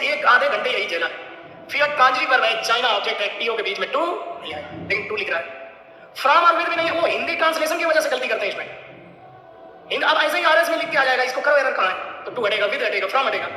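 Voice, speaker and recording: Loud, scolding male teacher in an echoey hall. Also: very high-pitched. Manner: scolding, teasing, loud lecturing. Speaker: English teacher. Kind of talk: classroom lecture. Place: large lecture hall.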